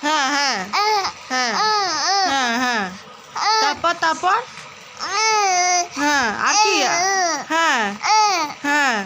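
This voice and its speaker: A woman's voice: sits high, slow pace, long pauses. A woman vlogger talking to her baby in coaxing, sing-song baby talk, asking the same questions again and again. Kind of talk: baby talk in a home vlog. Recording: loud background noise.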